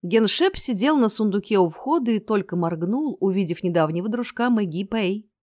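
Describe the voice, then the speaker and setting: A woman's voice: medium pitch, animated, normal speed, a little mellow, no room sound, clean studio sound. A woman reading a fantasy novel aloud as the narrator. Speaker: audiobook narrator.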